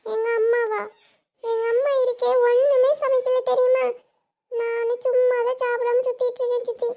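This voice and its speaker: A woman voicing an excited little niece, chattering eagerly with a southern Tamil Nadu accent. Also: very high-pitched, normal speed, pitched above the performer's own voice.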